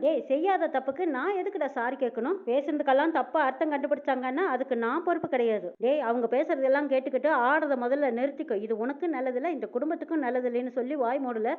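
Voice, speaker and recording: A woman narrating a TV serial episode as a story, voicing every character's lines and tagging who speaks. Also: high voice. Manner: narrates quickly, reads out each character's lines with tags like "she says". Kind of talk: fast storytelling recap voicing all characters. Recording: tinny phone-like sound.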